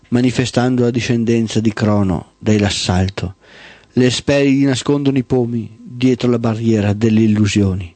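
A man's voice: medium pitch, mellow, no echo. Solemn man narrating a mythic tale. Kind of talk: dramatic mythic storytelling.

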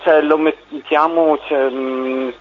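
A man calling in to a radio show over the phone, talking casually and hesitantly with many pauses and fillers. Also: fairly high pitch, steady tone. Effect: heard over a phone line. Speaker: radio caller. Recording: dull phone line on radio.

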